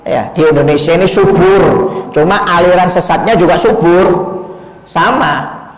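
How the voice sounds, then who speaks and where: A man's voice: high-pitched, moderate pace. A male Islamic preacher giving a sermon, emphatic and full of rhetorical questions, speaking directly to his listeners. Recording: echoey hall.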